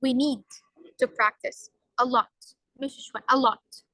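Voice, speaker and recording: A woman's voice: sits high, steady tone, very slow, pushed and bright, no room sound, low-quality recording. A young woman with a Levantine Arabic accent, giving a workshop lecture as a trainer and mixing English phrases into her Arabic with emphatic stresses.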